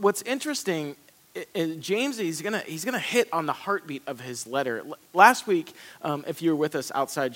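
A man's voice: on the high side, a bit bright. A man preaching a conversational sermon, earnest, often repeating and restarting his words. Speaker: pastor.

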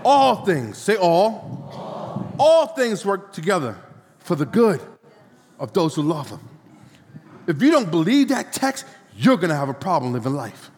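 A man's voice: a little high, darkish tone, slight background noise. A man preaching a sermon in a church, repeating phrases and leading call-and-response. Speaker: pastor. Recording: long hall reverb.

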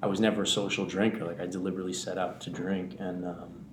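A man's voice: low-pitched, little pitch movement, quick pace. A man in his thirties from the Bahamas, a podcast guest candidly telling his personal recovery story. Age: 30s. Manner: candid, reflective, many fillers and restarts. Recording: echoey room with faint background noise.

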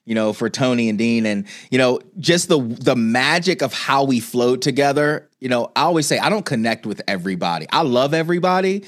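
A man's voice: medium pitch, expressive, a little fast, hardly any pauses. A man hosting an interview show, praising his guest at length and asking long, rambling questions with many fillers. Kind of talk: warm, effusive interview questions.

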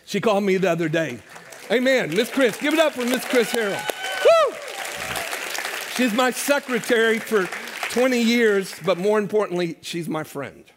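A man's voice: sits high, animated, normal speed, a loud crowd, heavy background noise. An older man preaching a sermon as pastor to his church, conversational and joking with the congregation. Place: church sanctuary.

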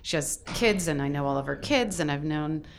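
A woman who volunteers as a mentor, speaking in a measured, thoughtful way in an interview. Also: sits low, animated, crowd noise. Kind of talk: casual interview talk.

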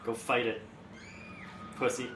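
A man on a casual gaming podcast, joking and excitable, yelling when startled. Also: mid-range voice, slow. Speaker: podcast co-host watching the game. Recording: echoey room with background noise.

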